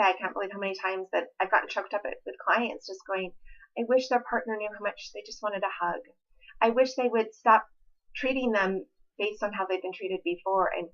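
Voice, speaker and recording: Earnest woman relationship coach, lo-fi. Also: mid-range voice. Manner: earnest and heartfelt, with a gentle pleading tone. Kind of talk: personal vlog talk to camera.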